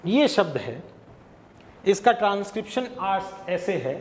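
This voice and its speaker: A man with a Hindi accent lectures for an exam-prep class in a fairly high voice. He explains slowly, asking questions aloud and then answering them himself. His voice carries a long reverb, as if in a large hard room. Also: sing-song. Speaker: English exam tutor.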